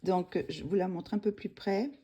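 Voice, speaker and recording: A woman's voice: mid-range voice, normal speed, mellow, breathy edge, muffled recording. A woman casually showing her finished coloring pages, hesitant, with many fillers and self-corrections. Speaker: coloring hobby vlogger.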